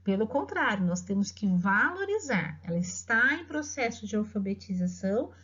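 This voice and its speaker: A middle-aged woman teacher with a Brazilian Portuguese accent, patiently explaining to parents and dictating words slowly. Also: medium pitch, sing-song, fairly bright tone, husky. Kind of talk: instructional talk to parents. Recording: dull lo-fi audio.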